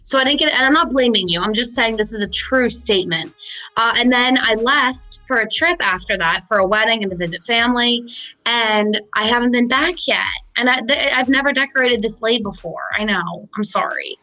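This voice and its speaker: A woman's voice: fairly high pitch, a little fast, bright, forceful tone, rough recording. A woman co-hosting a podcast in a studio, chatting casually in a playful, apologetic way. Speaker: podcast co-host. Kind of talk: casual chat.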